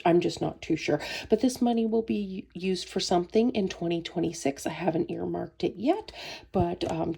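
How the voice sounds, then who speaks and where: A budgeting vlogger with a cold and a sore throat chats casually through her video, friendly and rambling, with frequent ums. Her voice is lowish, creaky, dark in tone and slightly rough.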